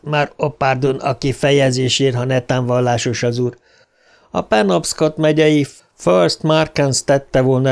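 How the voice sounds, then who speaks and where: A man's voice: medium pitch, darkish tone, clean tone, lightly acted. A man voicing a chatty, coarse middle-aged taxi driver in an audiobook, folksy and fond of repeating a pet phrase.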